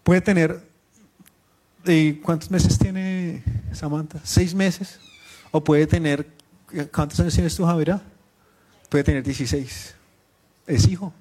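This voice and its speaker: A man's voice: fairly high pitch, steady tone, slow, pauses often, a little mellow. A young father preaching a live sermon to a congregation, speaking conversationally, questioning the people in the room directly and joking with them now and then. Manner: teasing asides with the audience.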